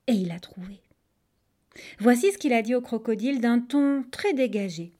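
A woman's voice: on the high side, moderate pace. A woman narrating a children's tale expressively, speaking straight to her listeners. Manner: expressive, addresses listeners directly. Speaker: storyteller.

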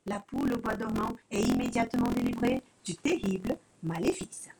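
A woman storyteller reading a children's story aloud with expressive, dramatic narration. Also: a bass voice, normal speed, gravelly, poor audio. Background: soft music.

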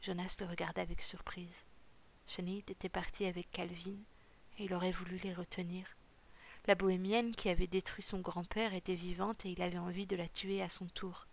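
A woman narrating a novel chapter in a calm, measured, often half-whispered way. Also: lowish voice. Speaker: audiobook narrator. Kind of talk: scripted narration.

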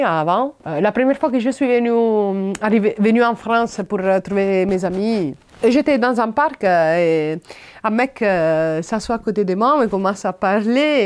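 A woman from Naples with an Italian accent, her native language, speaking as a podcast guest in an animated way, repeating words and hesitating often. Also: medium pitch. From Naples, Italy. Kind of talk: conversational interview.

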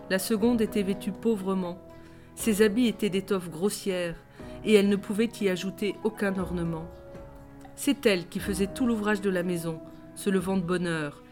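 A woman reading a traditional tale aloud in a measured, expressive storytelling voice. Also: mid-range voice. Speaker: reader. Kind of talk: storybook narration. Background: faint music.

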